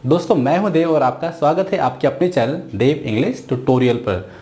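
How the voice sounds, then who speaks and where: A man's voice: fairly high pitch, expressive, dark tone. A man teaching an English phonics lesson at a board, drawing out and repeating each sound. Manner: slow, drawn-out, repeating sounds.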